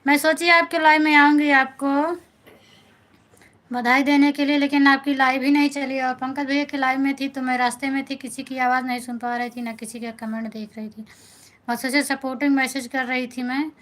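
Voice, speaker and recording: A middle-aged woman from north India hosts a casual live stream from her phone. Her voice sits a little high. She talks in a chatty way, greets viewers by name and thanks them again and again. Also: flat delivery, fairly quick, poor audio. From Awadh, north India. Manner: chatty, warm-toned greetings, repeats thanks, reads out viewer names. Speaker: folk singer hosting a live stream.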